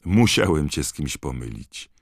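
A man's voice: extremely low pitch, very animated, moderate pace, no echo, clean studio sound, exaggerated voice. Harry, a man reading a polite, earnest teen wizard. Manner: plain, earnest questions. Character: polite, puzzled teenage boy wizard. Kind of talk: audiobook character voice.

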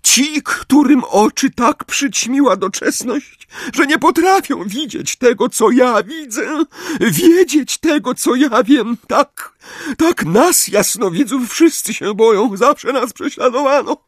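A high, shrill, quavering older woman who teaches fortune-telling in an audiobook. She is hysterical and melodramatic and always near tears, and the recording is dry and close. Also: very animated, measured pace, hardly any pauses, dry recording, exaggerated voice. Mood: dramatic, lamenting. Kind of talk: audiobook character voice.

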